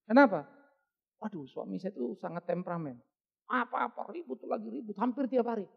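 A woman's voice: mid-range voice, brisk, gravelly, breathy edge, muffled recording. A man quoting an elderly woman who talks in a plain, chatty way. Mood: recounting. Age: older. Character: calm elderly woman recalling her marriage.

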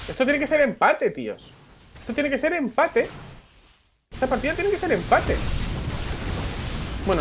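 A woman with a Spain Spanish accent giving excited game commentary, repeating phrases and bursting into shouts, with music behind her. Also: on the high side. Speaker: esports caster.

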